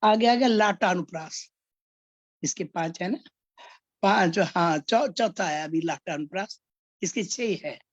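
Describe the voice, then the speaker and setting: Woman, poetry teacher, slow and patient, dry muffled sound. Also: fairly low pitch, no echo. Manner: patient, explains with spoken examples. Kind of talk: explaining Hindi poetics.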